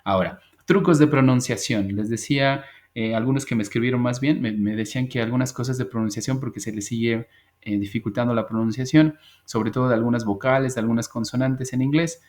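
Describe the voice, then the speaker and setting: A man's voice: medium pitch, darkish tone. A man teaching an English class over a video call, patient and repetitive as he drills pronunciation. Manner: patient, drills pronunciation slowly and repeats words. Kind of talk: online class lesson.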